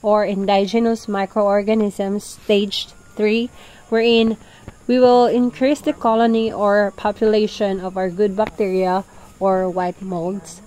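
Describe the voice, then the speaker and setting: A woman calmly explaining, step by step, how she prepares a farm fertilizer mix, speaking outdoors on a farm. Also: mid-range voice, unhurried, low-quality recording. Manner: calm, explanatory, plain wording. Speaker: farm vlogger. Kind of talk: instructional farm narration.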